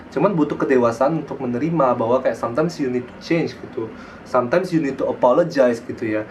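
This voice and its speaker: A man's voice: on the high side, a little hiss or hum. A man with an Indonesian accent and a slight speech impediment on his r sounds, giving a casual, conversational tarot reading. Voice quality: slight lisp with soft, imperfect r sounds. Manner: conversational, repeats tag phrases. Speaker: tarot card reader and online host.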